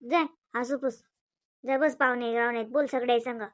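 A woman's voice: a little high, steady tone, unhurried, no room sound, clean studio sound, natural voice. A woman voicing a nagging middle-aged mother-in-law in a cartoon, with a Varhadi Marathi accent and a habit of tagging on questions. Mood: coaxing. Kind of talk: cartoon voice acting.

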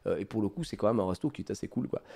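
A man telling his viewers a holiday story in a casual, animated way, with lots of fillers. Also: lowish voice, racing, gravelly. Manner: animated, many fillers, addresses viewers directly.

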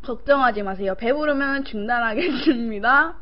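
A woman's voice: a little high, moderate pace. A young woman hosting a live-stream eating show, chatting casually with viewers as she eats, at times playful and singsong. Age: young adult. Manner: talks while eating, with short murmurs between phrases. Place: small room indoors. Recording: dull, lo-fi stream audio.

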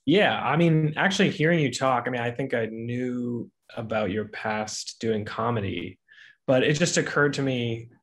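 A man in his thirties, a graduate student panelist, casually asks interview questions on a video call from a bright room at home. His medium-pitched voice moves at a moderate pace, and he sounds tentative, searching for his words.

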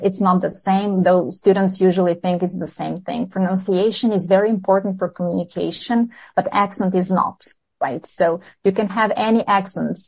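A woman's voice: mid-range voice, darkish tone, low-quality recording. Earnest Serbian-accented woman teacher. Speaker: English teacher. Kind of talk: podcast interview answers.

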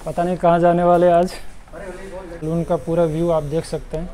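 High-voiced young man giving a market tour. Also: flat delivery, normal speed, mellow, slight background noise, rough recording. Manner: chatty, points things out to viewers. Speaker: vlogger. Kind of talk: casual walking-tour vlog. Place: busy outdoor market street and shops. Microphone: clip-on lapel mic.

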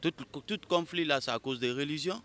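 A man's voice: fairly high pitch, moderate pace, a bit bright. A young man stopped on a city square, talking outspokenly and with passion into an interviewer's handheld mic. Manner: outspoken, impassioned. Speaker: passerby. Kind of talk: street interview. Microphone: handheld mic held by interviewer.

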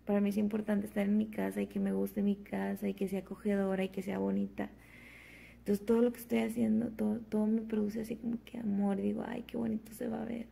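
Gravelly, husky woman chatting. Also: mid-range voice, little pitch movement, fast talker, dark tone. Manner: rambling, chatty, many fillers. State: just woke up, fasting. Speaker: vlogger. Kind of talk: casual chat to camera. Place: at home.

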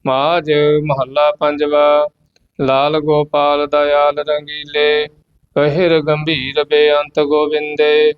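Slow, smooth-voiced Punjabi recitation teacher. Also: male voice, a little high, completely flat delivery. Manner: chants verses slowly, then gives quick pronunciation notes. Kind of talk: slow, measured scripture recitation lesson. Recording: dull, slightly lo-fi recording.

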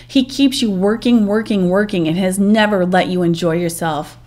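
A woman's voice: medium pitch, moderate pace, a little mellow, lightly acted. A sly little mare who coaxes and taunts, as a woman reading a storybook puts her on. The voice stays close to the reader's own easy tone, teasing rather than sweet. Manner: taunting, coaxing. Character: clever little mare, Loki in disguise, teasing.

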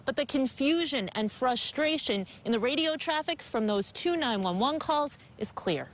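A woman in her thirties giving a scripted TV news report with measured, emphatic broadcast delivery. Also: sits high, animated, background noise.

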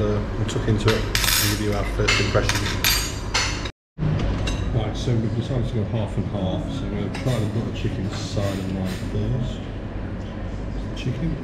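A man with a fairly low voice talks casually through a food review, tasting dishes and commenting as he goes. The sound is roomy and echoey. Loud traffic and street noise run behind him. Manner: relaxed, chatty, tasting aloud. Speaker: travel vlogger reviewing food. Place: busy restaurant with traffic nearby.

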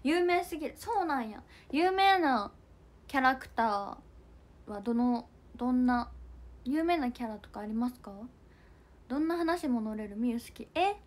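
Bubbly high-voiced young woman. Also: animated, a little slow. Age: young adult. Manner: bubbly, giggly, chatty, reacting to comments. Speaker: idol livestream host. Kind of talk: casual livestream chat reading comments.

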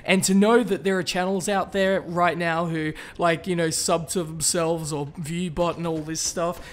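A man's voice: a little high, steady tone, normal speed. A young man from Australia hosting a casual gaming Q&A vlog, chatty and upbeat with lots of fillers and restarts. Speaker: gaming YouTuber answering viewer questions.

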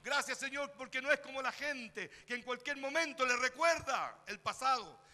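A man with a Chilean accent preaches a fervent sermon in a church sanctuary. His voice sits high and cuts sharply, rising to shouts as he calls out to the congregation. Long church reverb trails his words. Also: moderate pace. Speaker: pastor. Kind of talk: Spanish-language sermon.

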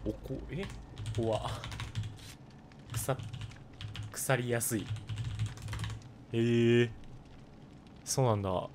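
A man with a hoarse voice, chatting casually while live-streaming a game and thanking viewers for donations. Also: mid-range voice, steady tone, drawn-out words, pauses often, noisy background.

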